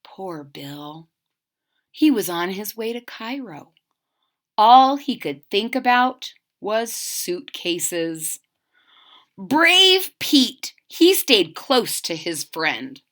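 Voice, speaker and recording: A woman reads a children's picture book aloud with lots of expression, stopping now and then to explain things simply and ask the young listeners questions. Her voice sits in the mid-range, very animated, with a fairly bright tone.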